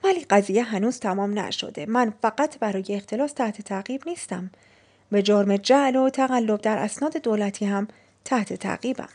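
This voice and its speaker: A woman reading a nervous young suitor who confesses invented crimes in hushed whispers, with a husky voice. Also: sits high. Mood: insistent.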